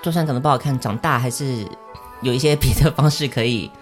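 A woman's voice: very deep voice, fast. A young woman co-hosting a podcast in casual chat, teasing with blunt jokes. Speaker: podcast co-host. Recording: music under the voices.

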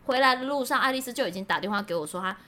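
A woman's voice: fairly high pitch, racing. A woman podcast host telling her own stories in casual chat, from Taiwan. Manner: lively storytelling.

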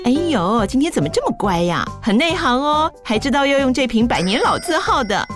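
A woman's voice: high-pitched, fairly quick, faint music behind. A woman playing an exasperated mother scolding her messy young daughter in an ad. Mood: pleased. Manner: scolding then fondly teasing, lively sing-song. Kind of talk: radio ad acting.

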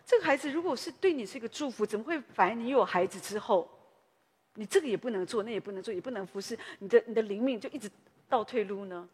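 Husky-voiced woman pastor preaching. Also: on the high side, expressive, quick pace, long reverb tail. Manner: conversational storytelling, frequent tag particles. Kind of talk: sermon.

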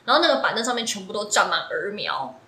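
A woman's voice: mid-range voice, lively intonation, quick pace, pushed and bright. A young woman, co-hosting a podcast and telling a dream in rambling casual chat, full of fillers and laughing often. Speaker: podcast co-host. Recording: echoey room with faint noise.

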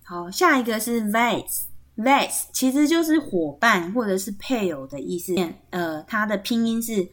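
A woman with a Taiwanese Mandarin accent teaches on a podcast in an unhurried, measured way. She spells each word out letter by letter and keeps checking in with her listeners. Her voice sits at an ordinary pitch for a woman. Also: animated. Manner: spells words out letter by letter, patient and explanatory; frequent tag particles seeking agreement. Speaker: podcast host teaching Atayal kinship terms. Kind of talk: podcast language lesson.

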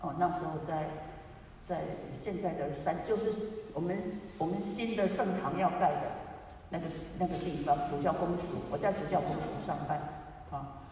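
High-voiced man telling a story in a distant echoey room. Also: darkish tone. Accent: Taiwanese Mandarin. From Taiwan. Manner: halting, repeats words, deeply moved. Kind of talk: personal storytelling. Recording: echoey distant room with faint background noise.

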